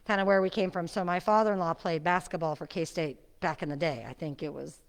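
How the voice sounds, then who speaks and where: A middle-aged woman who leads fitness classes chats casually before a session in a seniors' center exercise room. Her lowish voice is muffled by a face mask, steady in tone and fairly quick. She's friendly and chatty and laughs a lot.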